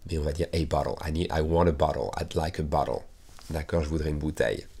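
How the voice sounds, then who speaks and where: A man teaching an English lesson on video. He says English phrases slowly and repeats them, then explains in French with lively jumps in pitch. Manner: lively, with sudden rises in pitch and loudness.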